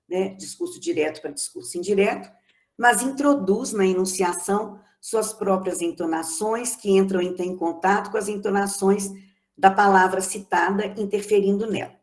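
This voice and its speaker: A woman with a Brazilian Portuguese accent giving an academic lecture as a lecturer, speaking in a measured, explanatory way and often adding short tag questions. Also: mid-range voice, a little mellow. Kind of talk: academic lecture reading from notes. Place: online meeting recording.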